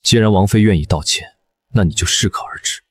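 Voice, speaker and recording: An actor playing a ruthless young prince who speaks curtly and commandingly. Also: male voice, on the low side, a little fast, fairly bright tone, husky, dry recording, studio quality. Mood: cold. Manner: curt, commanding.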